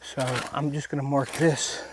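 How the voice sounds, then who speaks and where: A man giving a casual, folksy step-by-step hunting demonstration outdoors while he works, with a tractor rumbling in the background. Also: flat delivery, moderate pace, noisy background. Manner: folksy, talks while working with his hands. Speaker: hunting how-to presenter. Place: outdoors in the woods. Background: tractor rumbling nearby.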